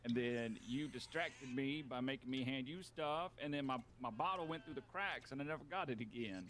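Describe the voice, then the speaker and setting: A man's voice: mid-range voice, normal speed, a bit bright, a little hiss or hum. A man in an in-character western role-play, bantering in a dry, stubborn drawl.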